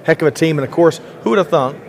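A man's voice: on the high side, quick pace, slight background noise. Male podcast host, upbeat and talkative, interviewing at a conference. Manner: upbeat, chatty, frequent fillers. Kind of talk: enthusiastic interview hosting. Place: conference expo floor.

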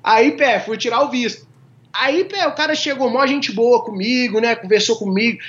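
Speaking at a moderate pace in a very high, slightly bright voice, this guest from a small Minas Gerais town in Brazil spins funny stories in a relaxed way and laughs a lot. The recording has a dull, lo-fi quality.

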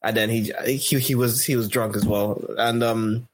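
Husky young man. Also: lowish voice, level tone, normal speed. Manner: laughs through his own storytelling. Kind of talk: casual chat among friends.

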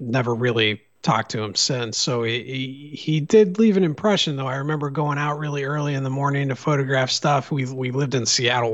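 A man's voice: medium pitch, a bit bright. Easygoing man in his thirties, slightly muffled. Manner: easygoing, repeats words as he thinks. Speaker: guest photographer. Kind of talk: casual interview talk.

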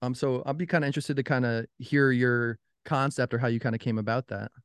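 Smooth-voiced podcast host. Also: male voice, medium pitch, fairly even intonation, fast talker, dry recording. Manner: friendly, easygoing, hesitant with fillers. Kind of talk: casual interview talk.

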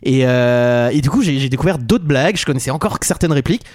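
A man's voice: medium pitch, expressive, quick pace, darkish tone, dry recording. A man from Brittany chatting enthusiastically on a film podcast panel, laughing easily and restarting his sentences. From Brittany, France. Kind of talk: casual panel chat.

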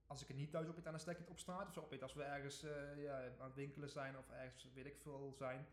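A man's voice: medium pitch, flat delivery, fast. A Dutch man co-hosting a podcast in casual chat, hesitant with many fillers and restarts. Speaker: podcast co-host. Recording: echoey room.

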